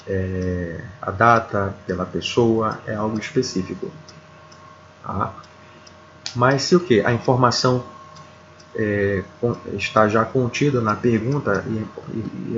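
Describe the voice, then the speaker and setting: A man with a Brazilian Portuguese accent teaching an English grammar lesson, slow and deliberate, often repeating words and checking in with his students. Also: on the low side, fairly bright tone, muffled recording, a little hiss or hum. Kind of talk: video lesson explaining grammar.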